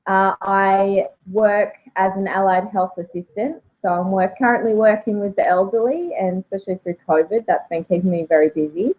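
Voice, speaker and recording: A woman in her thirties speaks with a broad Australian accent. She chats informally and jokily as an interview guest. Her voice comes through a thin, phone-like connection at a middling pitch. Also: steady tone, normal speed, few pauses. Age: 30s. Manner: chatty, jokey, informal. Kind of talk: casual chat. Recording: tinny phone-like video call.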